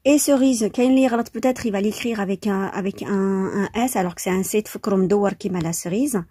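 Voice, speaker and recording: In an informal, chatty vocabulary lesson mixing French and Arabic, a woman teaches French spelling with frequent hesitations and plenty of enthusiasm. Her medium-pitched voice is warm and husky, recorded in a clean studio with no room sound.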